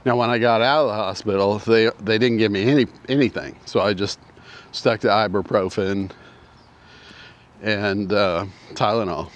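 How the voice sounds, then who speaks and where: A man's voice: fairly low pitch, fairly even intonation, moderate pace, muffled recording. A man in his sixties telling a personal story in a casual, rambling way, out of breath and often repeating himself. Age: 60s. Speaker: vlogger. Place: outdoors with mountains in view.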